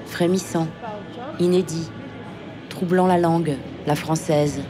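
A woman reading a literary, poetic text in a measured, deliberate way. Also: low-pitched, steady tone, music in the background. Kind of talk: poetic narration.

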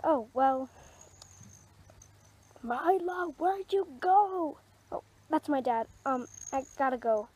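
A woman voicing a young female rabbit who is lovestruck and sulky, speaking softly in a drawn-out, girlish way in a hobby toy-animal drama. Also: high-pitched, expressive, highs cut off. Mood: dreamy, flustered.

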